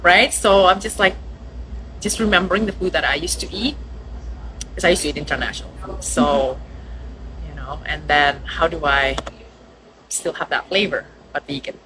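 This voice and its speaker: A woman from Indonesia, a restaurant owner chatting casually in an interview, lively and quick to laugh. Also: low voice, noisy background. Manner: lively, laughs often, acts out quoted customers.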